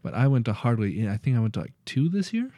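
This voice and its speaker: Very animated and quick, with a dark tone at medium pitch, this young podcast co-host talks casually about his goals for the new year. He swears a lot and laughs frequently.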